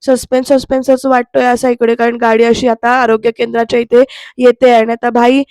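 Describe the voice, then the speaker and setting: Woman, voice-over review narration, retells scenes and acts out dialogue, high voice, narrow pitch, dry close sound. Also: flat delivery, brisk, a little mellow, no room sound. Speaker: serial reviewer.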